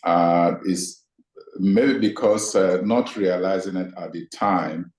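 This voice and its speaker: A man, a guest scholar answering interview questions in a measured, reflective way. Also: low voice, darkish tone. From Nigeria. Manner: measured, thoughtful, deliberate. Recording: echoey room sound.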